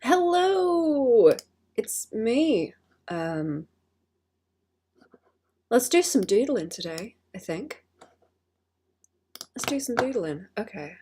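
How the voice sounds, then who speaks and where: A woman streamer chatting casually and playfully as she draws, in a cute way, often murmuring to herself, with a slightly husky voice. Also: lowish voice, animated, slow pace, pauses often, mellow, slight background noise. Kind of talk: casual livestream chat while drawing.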